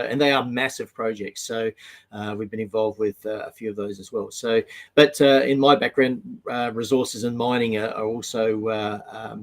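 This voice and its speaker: A man consultant answering questions in a live panel over a video call, halting and thinking aloud as he goes. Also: fairly low pitch.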